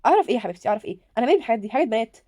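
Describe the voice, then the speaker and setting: Woman voicing a brush-off Egyptian working mom for a game role-play, quick, close and dry. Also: on the high side, very animated, mellow, no room sound. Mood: offhand. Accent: Egyptian Arabic. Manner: brushing off, offhand. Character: evasive working mother, middle-aged woman.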